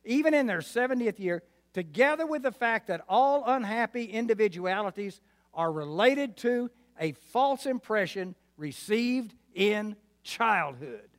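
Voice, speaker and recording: West Texas preacher in his seventies, swooping pitch. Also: animated, unhurried. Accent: West Texas twang. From Arkansas, New Mexico and West Texas, United States. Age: 70s. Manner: folksy, emphatic, asks the congregation for responses. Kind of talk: sermon. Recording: reverberant hall.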